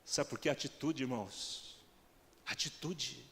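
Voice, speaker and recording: At a measured pace, this pastor preaches in a mid-range, slightly bright voice with vocal fry and a Brazilian Portuguese accent, posing rhetorical questions and rising to emphatic climaxes. Long church-hall reverb and slight background noise are audible.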